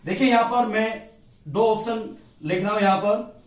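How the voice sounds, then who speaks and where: A man's voice: sits high, moderate pace. A male Hindi grammar teacher giving an exam-prep lecture at a board, drilling each point by asking a question and answering it himself. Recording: echoey room, voice from a distance.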